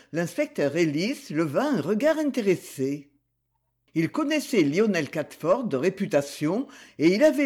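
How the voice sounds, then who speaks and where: A male audiobook narrator reads at an unhurried pace. His high voice moves through a lively range, and his tone is slightly husky.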